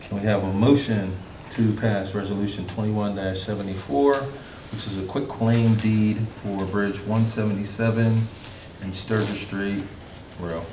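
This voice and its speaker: A man chairing a municipal council meeting, calling for motions and votes in a brisk, procedural way. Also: fairly low pitch, fairly even intonation. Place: council board room. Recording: echoey room, far mic, noisy.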